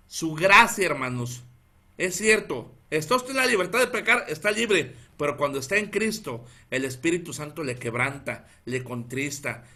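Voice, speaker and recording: A pastor in his thirties with a northern Mexican accent, preaching in an animated storytelling way and calling out to the brethren again and again. His voice is bright and forceful and sits a little high for a man. He chuckles at his own story. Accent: northern Mexican Spanish. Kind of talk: storytelling sermon to a congregation.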